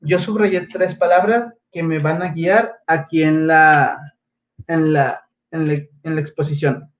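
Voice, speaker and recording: A man with a Mexican Spanish accent teaches his young pupils over a livestream, speaking patiently and breaking up his sentences with frequent fillers. His voice sits a little high for a man. The audio is dull and lo-fi. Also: steady tone. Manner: halting, many fillers like "eh" and "este"; patient, gently instructive. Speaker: primary school teacher.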